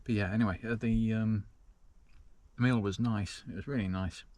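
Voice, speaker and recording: A man's voice: fairly low pitch, steady tone, moderate pace, a little mellow, no room sound. A man chatting casually to camera from inside a small parked van, rambling with lots of ums. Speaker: van-life vlogger.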